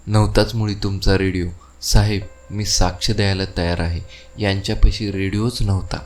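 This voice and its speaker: A man's voice: fairly low pitch, normal speed, slight background noise, close to an everyday voice. A man reading the part of a meddling schoolmaster neighbour who contradicts everyone.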